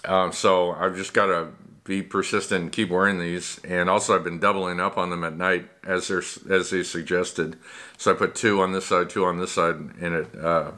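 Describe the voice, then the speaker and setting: A man in his forties wearing braces talks to the camera about his treatment, rambling and matter-of-fact, with a slight lisp from the elastics. His voice sits fairly low yet sounds bright and forceful. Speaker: vlogger. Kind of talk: casual talk to camera.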